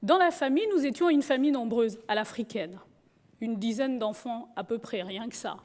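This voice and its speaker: High-voiced woman telling her story. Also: normal speed. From Gabon. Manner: humorous, lively storyteller. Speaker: speaker. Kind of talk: personal storytelling talk.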